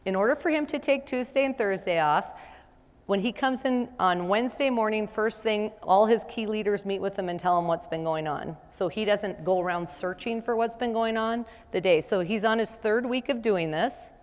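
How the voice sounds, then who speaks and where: A woman's voice: mid-range voice, moderate pace. Middle-aged woman presenting a seminar. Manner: conversational, asks the audience rhetorical questions. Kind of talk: business seminar talk. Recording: long hall reverb.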